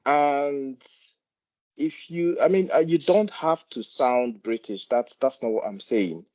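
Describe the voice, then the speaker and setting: Through dull audio, a slow, medium-pitched voice with a darkish tone is heard. It belongs to a Nigerian-accented man, a GP doctor in a meeting, who joins the informal discussion and hesitantly repeats himself while explaining.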